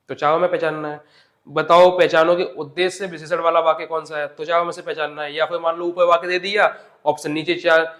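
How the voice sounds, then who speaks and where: A man's voice: a little high, fairly bright tone. A man teaching an exam-prep grammar lesson step by step, asking questions and answering them himself.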